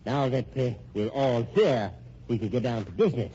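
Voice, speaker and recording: In a muffled, noisy old radio drama recording, an actor plays a smug, sardonic, scheming husband who sets everyone against each other, gloating and controlling with stammering, mock-genial courtesy. His male voice is medium-pitched and dark with a breathy edge, lively in intonation at a moderate pace.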